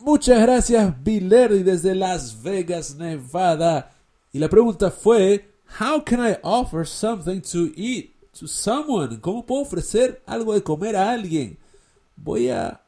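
A man with a gravelly, mellow voice teaches English in a podcast lesson. His pitch rises and falls a lot as he slowly repeats the example phrases.

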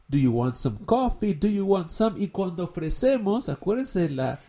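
A man with a gravelly, mellow voice teaches English in a podcast lesson. His pitch rises and falls a lot as he slowly repeats the example phrases.

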